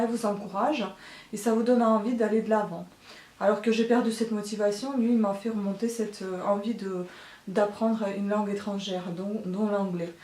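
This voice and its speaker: A woman's voice: medium pitch, darkish tone, far from the mic. A woman vlogger talking in a casual, hesitant monologue, full of filler sounds and frustrated complaints. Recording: roomy sound, voice from the mic.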